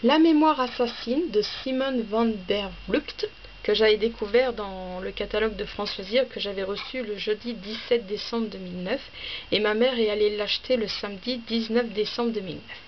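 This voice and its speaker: A woman chats through a casual book vlog, stopping often to hesitate and restart. Her voice is at a middle pitch. The recording is a bit dull, with a faint hiss of noise underneath. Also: normal speed. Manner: hesitant, many fillers and restarts; chatty, listing items one by one. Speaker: book vlogger.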